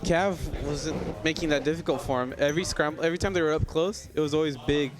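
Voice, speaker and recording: A young man doing casual live commentary, blunt and joking in quick banter. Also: fairly high pitch, steady tone, a crowd in the background. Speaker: esports commentator. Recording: live stream with game music behind.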